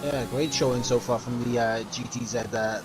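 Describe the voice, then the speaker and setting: A man co-commentating an online racing league, giving measured analysis with frequent hesitant pauses. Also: medium pitch, fairly even intonation, noisy background. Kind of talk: esports race analysis.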